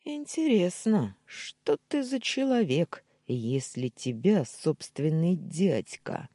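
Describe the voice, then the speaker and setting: A hot-tempered young man snaps and pushes in a storybook reading, as the narrator puts him on. His husky, dark voice leaps up and down in pitch. The delivery is slow and heavy. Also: sing-song, no echo, clean studio sound. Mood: angry.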